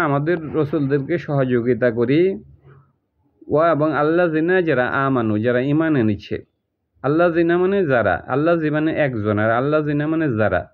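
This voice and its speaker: A man teaching Quran translation, explaining each word step by step and repeating it. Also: on the high side. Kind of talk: recorded lesson explaining Arabic word by word. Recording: tinny phone-like audio.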